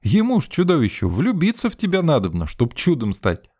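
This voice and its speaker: A man's voice: on the high side, wildly swooping pitch, a little fast, a little mellow, no echo, pitched above the performer's own voice. A male reader voicing a young male student who teases in a mock-serious way, close to his own voice. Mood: teasing. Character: joking young male student, teasing and sly.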